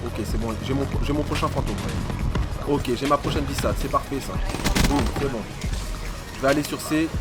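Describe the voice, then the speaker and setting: Excitable slangy gaming commentator man. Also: a little high. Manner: excitable, slangy, swears a lot, talks to opponents. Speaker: gaming YouTuber. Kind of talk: live gameplay commentary.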